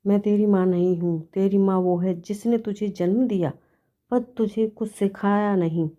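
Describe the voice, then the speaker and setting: A woman's voice: medium pitch, fairly even intonation, normal speed, warm tone, natural voice. Cranky old mother-in-law scolding away, woman reading her part, kinda muffled sound. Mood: angry. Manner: scolding, harsh. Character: angry stubborn older mother-in-law.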